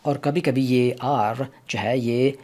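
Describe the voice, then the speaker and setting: A man teaching English pronunciation, who says each sound slowly and repeats it several times for his learners. He speaks politely and encourages them to listen closely. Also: medium pitch, fairly even intonation, a little mellow. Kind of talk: explanatory language lesson.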